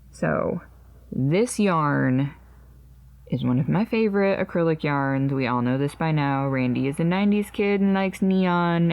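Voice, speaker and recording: Woman in her 30s, chatty crafting podcast host, lowish gravelly voice, loose and rambling. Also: darkish tone. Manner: chatty, rambling, jokingly refers to herself in third person. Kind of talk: casual chat about crochet projects.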